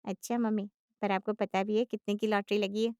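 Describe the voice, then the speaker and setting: A woman voicing a sharp, quick-witted adult daughter who questions briskly. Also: mid-range voice, level tone, clear, resonant tone, no echo, studio quality, natural voice. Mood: probing.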